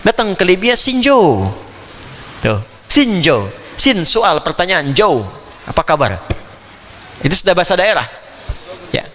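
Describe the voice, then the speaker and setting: A man preaching a Quran commentary lecture to an audience, animated and playful, slipping into imitations of foreign phrases. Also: sits high, moderate pace, long pauses, big-room sound. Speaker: Islamic preacher.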